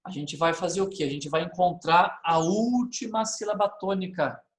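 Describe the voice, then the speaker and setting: A man's voice: high-pitched, moderate pace, reverberant. A man, teaching a literature lesson and checking in often with his class.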